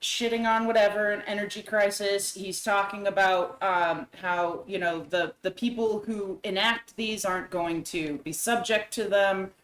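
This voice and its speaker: A woman's voice: mid-range voice, unhurried, few pauses. Female co-host, casual commentary, emphatic quote reading; roomy, echoey recording. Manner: reads quotes aloud with animated emphasis. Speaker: podcast co-host. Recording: roomy echo.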